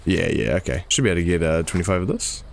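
A young man giving casual gameplay commentary, excitable and laughing often, peppering his talk with "bro". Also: deep voice, fast, creaky, slight background noise. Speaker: gamer.

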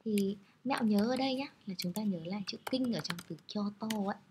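A woman's voice: medium pitch, a little fast, darkish tone, slight background noise. A woman teaching Japanese characters, explaining patiently in a friendly, step-by-step way. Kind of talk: explaining lesson over slides.

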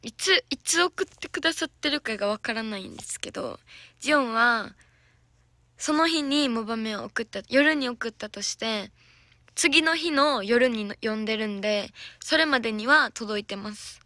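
Hoarse young Kansai woman chatting. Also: on the high side, animated, normal speed, bright, forceful tone, no echo. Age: young adult. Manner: giggly, chatty, answering viewer comments. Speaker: idol trainee. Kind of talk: casual livestream chat with viewers. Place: soundproof lesson room.

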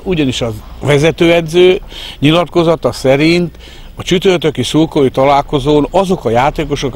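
A man in his fifties giving an interview in a halting, hesitant way into a handheld microphone. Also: on the high side. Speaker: fan club organiser, interviewee. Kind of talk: interview talk. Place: outdoors in a park. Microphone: handheld reporter microphone. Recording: outdoor park ambience, faint noise.

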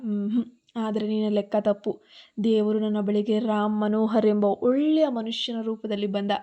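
A woman's voice: a little high, dark tone, highs cut off, close to an everyday voice. A woman voicing a vengeful young man who steadily accuses and threatens his old enemy.

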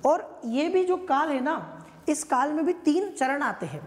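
A woman's voice: sits high, animated, a little slow, a little mellow, in a large hall. A woman teaching an exam-prep history lecture, conversational and often checking in with her listeners.

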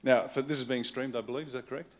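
A man's voice: mid-range voice, fairly even intonation, fast. An Australian man giving a political keynote speech at a conference, blunt and wry in short punchy phrases. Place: conference hall with live audience.

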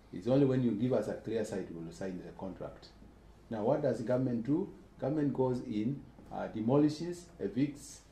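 A man giving an answer at a panel discussion, earnest and halting with many fillers, recorded in an echoey lecture room. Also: fairly low pitch, warm tone. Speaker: keynote speaker on urban planning. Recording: echoey room, faint hiss.

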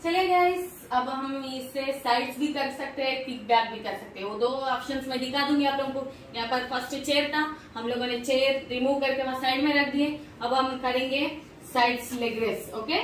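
A fitness vlogger in her thirties cheerfully shows workouts on a home gym machine, talking directly to viewers in a casual demonstration. Her high-pitched voice is fairly bright at a moderate pace. Recorded by a distant camera in a very echoey small indoor room, she sounds far away, with a little hiss or hum.

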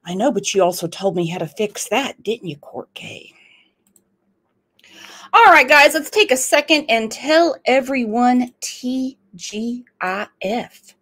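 A woman's voice: a little high, expressive, slow, fairly bright tone. A middle-aged woman, hosting a live-stream chat in a chatty, playful way and tossing out exclamations. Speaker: host of a live true-crime channel.

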